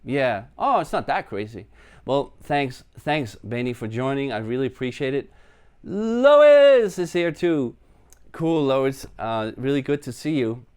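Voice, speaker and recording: Very animated yet a little slow, this man's mid-range voice is slightly mellow with a clear, resonant tone. He's a Danish musician live streaming from his apartment, rambling casually and making jokes about himself.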